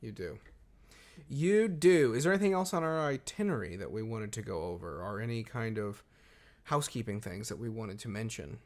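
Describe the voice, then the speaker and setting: A man's voice: on the low side, expressive, fast. A man co-hosting a podcast, talking casually and a little hesitantly. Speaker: podcast co-host. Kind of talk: casual conversation.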